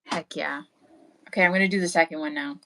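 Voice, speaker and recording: A young woman crocheting on a livestream, chatting in a hesitant, low-key way with short replies. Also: steady tone, quick pace, fairly bright tone, slight background noise. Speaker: knitting and crochet creator, guest co-host. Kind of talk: casual livestream chat while crocheting.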